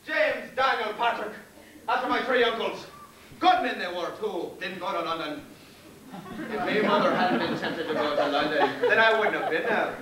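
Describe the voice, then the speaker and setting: A man's voice: sits high, moderate pace, a loud crowd, close to an everyday voice. An actor playing a nervous, groveling Irish convict hangman who rambles on and calls everyone sir, in a live stage play. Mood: rambling. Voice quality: wheedling, deferential, endlessly says sir. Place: theater stage. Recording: echoey theater, mic far off, faint hiss.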